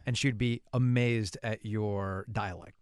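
A man's voice: on the low side, steady tone, slow, clear, resonant tone, no echo, clean studio sound. A man hosting a podcast, asking questions in a casual, chatty interview style.

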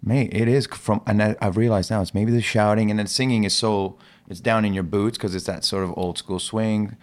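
A man hosts a casual chat with an eager, talkative manner, asking questions and sharing his own stage experiences. His voice sits a little on the low side. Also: fairly even intonation, moderate pace. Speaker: host, musical theatre performer. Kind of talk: casual conversation.

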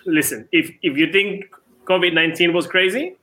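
Tennis club co-owner, male, late 30s, from Venezuela, ringing upper voice, quick with restarts. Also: high voice, pushed and bright. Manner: quick, repeats words at starts. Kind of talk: casual interview.

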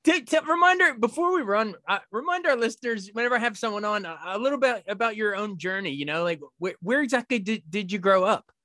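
A man interviewing a guest as an entertainment reporter, enthusiastic and quick to laugh. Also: high voice, pushed and bright, dry recording, clean studio sound. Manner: enthusiastic, laughs often while asking questions. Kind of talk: casual interview chat.

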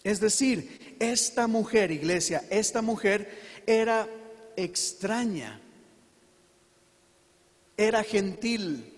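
High-voiced man preaching in a reverberant hall. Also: lively intonation. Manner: earnest, emphatic preaching with slow dramatic pauses. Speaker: pastor. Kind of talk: sermon.

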